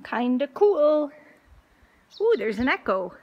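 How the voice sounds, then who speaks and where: A woman hiker vlogs casually to camera on a mountain trail, sometimes stepping inside a hut, holding her phone at arm's length. She speaks slowly in a high voice, and the audio sounds dull.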